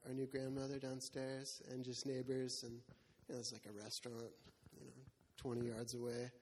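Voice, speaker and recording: A man chatting casually in a group, quiet and halting, with joking asides. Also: medium pitch, monotone. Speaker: community house resident. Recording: reverberant room, faint noise.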